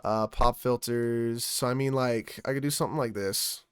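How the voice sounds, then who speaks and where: A man's voice: mid-range voice, steady tone, moderate pace, smooth, no echo. A man chatting casually on his stream at home into a music microphone, rambling and trailing off mid-thought. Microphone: studio music microphone.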